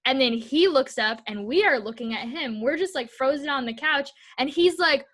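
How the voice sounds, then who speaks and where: She's a young woman co-hosting a podcast, with a high, somewhat bright voice, lively intonation, and an ordinary pace. Her chatty stories come out animated, packed with "like" and dramatized dialogue.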